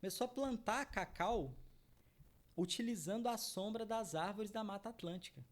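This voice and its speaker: In an interview, a middle-aged chocolate brand founder from Minas Gerais, Brazil, lays out his business at a moderate pace in a high voice. He speaks earnestly to the audience, often repeating "né?" ("right?").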